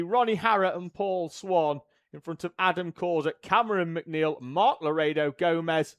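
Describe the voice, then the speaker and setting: A man giving live race commentary, briskly running through driver names and positions. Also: on the high side, dry recording.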